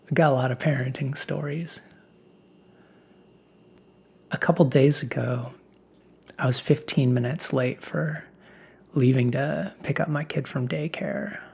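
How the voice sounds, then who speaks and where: Casting: male ASMR host, very breathy hushed voice, half-whispered reflective pep talk, mid pitch. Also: steady tone, normal speed.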